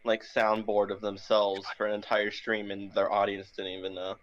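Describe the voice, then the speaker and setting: Low-voiced man on a dull lo-fi mic. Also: monotone, normal speed. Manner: hesitant, jokey. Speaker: podcast co-host. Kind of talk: casual chat.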